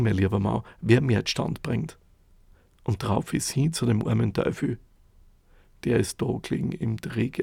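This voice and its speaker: A man tells a fairy tale in a lively, folksy, dialect-tinged way. His voice is very gravelly, husky and dark. It sounds close and dry, like a studio. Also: medium pitch, no echo. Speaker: storyteller. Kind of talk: spoken fairy tale narration.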